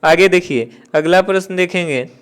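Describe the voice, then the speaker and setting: A man with a high, smooth, clear voice gives an exam-prep grammar lesson. He works through each question step by step, asking and answering his own questions and circling back to stress the key points. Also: moderate pace. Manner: repeats key points with "theek hai". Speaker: exam-prep English teacher. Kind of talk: classroom-style exam lesson.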